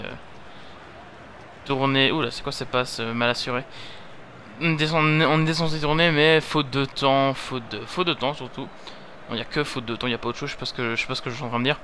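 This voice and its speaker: A man's voice: mid-range voice, sharp tone, a little hiss or hum. A young man casually commenting on his own gameplay at home, chatty and rambling, often correcting himself mid-sentence. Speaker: gaming YouTuber. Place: home gaming setup.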